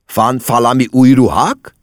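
A man's voice: a bass voice, wildly swooping pitch, creaky, slightly rough, no echo, clean studio sound, pitched below the performer's own voice, heavily acted. A man doing a stern customs officer with a mangled accent. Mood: suspicious. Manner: turns v sounds into f, suspicious and stern. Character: gruff male customs officer speaking broken, foreign-sounding Hungarian.

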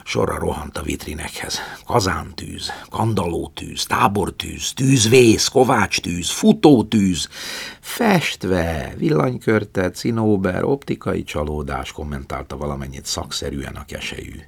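A man narrating a story dramatically, swinging between loud passages and whispers. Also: deep voice, lively intonation, gravelly, breathy edge, no echo. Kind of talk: storytelling reading.

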